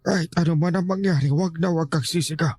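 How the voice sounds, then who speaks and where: A man's voice: fairly high pitch, steady tone, fast, darkish tone, slightly rough, dry recording. An actor playing a stern, protective old grandfather in an audio horror drama, giving urgent warnings. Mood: grave. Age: older.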